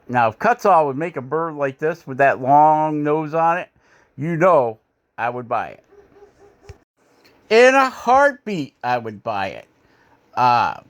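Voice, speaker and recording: This woodcarving channel host, a middle-aged Michigander, talks over his carving footage in a medium-pitched voice. His narration is rambling, folksy and self-deprecating, with frequent "uh" fillers.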